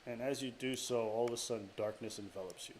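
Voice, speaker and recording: A man's voice: mid-range voice, fast talker. A man narrating a tabletop game as dungeon master, hesitant, with frequent fillers and restarts. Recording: clear background noise.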